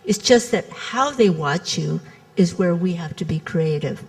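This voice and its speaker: A woman's voice: fairly low pitch, lively intonation, unhurried, rough recording. A woman panelist explaining her points methodically in a conference discussion.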